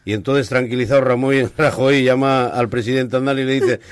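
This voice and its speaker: A man with a Spanish accent from Spain, telling a joke on the radio in a lively storytelling manner with slangy asides. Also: mid-range voice, fairly quick, dry recording. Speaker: joke teller.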